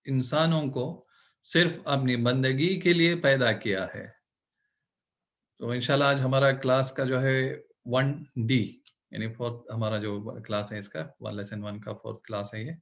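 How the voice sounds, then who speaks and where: A man teaching an online Urdu lesson, patient, repeating words slowly and checking often that the learner follows. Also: mid-range voice, a bit bright. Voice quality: Hindi-English code-switching. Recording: dull lo-fi recording.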